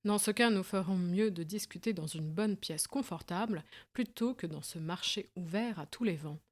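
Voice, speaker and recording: A woman reading an audiobook, voicing a shrewd male detective in a smooth, measured manner. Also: fairly low pitch, natural voice. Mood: calm.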